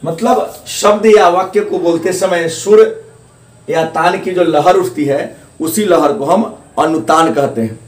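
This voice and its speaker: A man's voice: on the high side, measured pace. A male teacher giving a grammar lesson, repeating key terms and asking questions he answers himself. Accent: Hindi, eastern. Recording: echoey room, mic at a distance.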